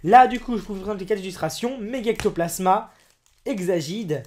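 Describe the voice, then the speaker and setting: A man opening trading card packs on camera, excitable and exclamatory, chatting to his viewers as friends. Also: sits high, moderate pace, a little hiss or hum.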